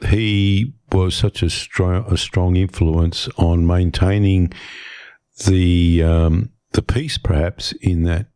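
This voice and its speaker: A man's voice: low voice, steady tone, slow pace, dark tone, smooth, no room sound. A man hosting a radio interview, asking probing questions and often rephrasing them. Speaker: radio host.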